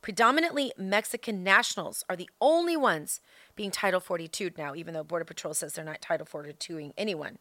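A woman with a bright, forceful voice hosts a political podcast, recorded close and dry. She speaks emphatically in an opinionated monologue, repeating key phrases and throwing rhetorical questions at her listeners. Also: fairly low pitch, no room sound. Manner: emphatic, with deliberate repetition for effect.

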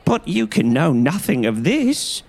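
Timid little man, high quavering whine, read by a man. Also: big pitch swings, a little slow, vocal fry, full character voice. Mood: frightened. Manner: whining, quavering. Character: small cringing rat-faced man, nervous.

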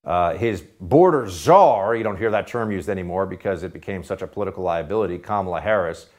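A man hosting a political talk radio show, delivering sarcastic commentary that swings between loud jabs and quiet asides. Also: low-pitched, a little fast. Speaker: radio host.

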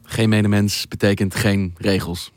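A man's voice: on the low side, fairly even intonation, normal speed, no echo. A man hosting an interview, asking thoughtful questions in articulate, literary phrasing. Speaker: host. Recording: dry close studio sound.

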